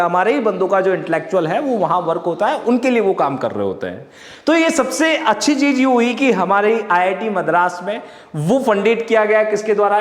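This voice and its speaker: A man explaining current affairs to exam students, often repeating and correcting himself and mixing in English terms. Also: high voice. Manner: repetitive, self-correcting, mixes English terms. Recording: echoey room with long reverb.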